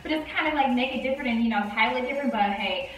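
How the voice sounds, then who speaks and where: Woman vlogger, high voice, chatty tutorial talk, boomy echoey room sound. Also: very fast, a bit bright, distant mic. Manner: chatty, keeps saying "you guys". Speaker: beauty vlogger. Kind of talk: casual makeup tutorial chat.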